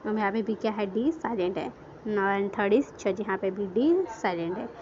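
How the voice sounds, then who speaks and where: A woman's voice: mid-range voice, normal speed. A woman teaching an English grammar lesson, spelling words out letter by letter and asking and answering her own questions, mixing English words into her Hindi. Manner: asks questions and answers them herself. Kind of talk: classroom lesson explaining words. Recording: dull lo-fi recording with faint noise.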